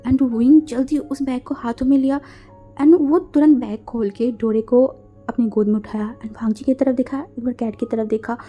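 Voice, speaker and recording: A woman's voice: a little high, fairly even intonation, moderate pace. A woman with an Indian accent narrating a fan fiction romance, chatty and casual, often slipping into a whisper. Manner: casual, mixes English words into Hindi; drops into whispers for intimate scenes. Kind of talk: storytelling narration with acted dialogue. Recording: soft background music.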